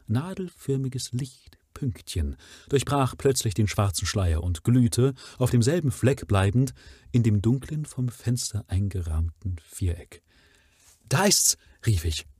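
A man reading a classic novel aloud at first sight, narrating calmly and in a measured way. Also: medium pitch, husky, no room sound, clean studio sound. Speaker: audiobook reader.

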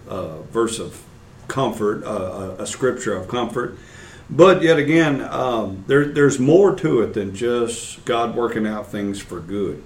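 A man's voice: on the low side, distant mic. Man hosting a roomy church talk show. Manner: conversational, with frequent restarts and fillers. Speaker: host. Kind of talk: casual church podcast chat.

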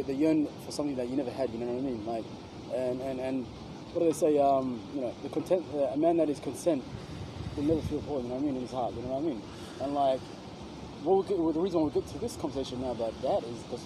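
Man, fast, rambling, profane, outdoor traffic noise. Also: mid-range voice. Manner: rambling, heavy swearing, many fillers. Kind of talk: casual chat.

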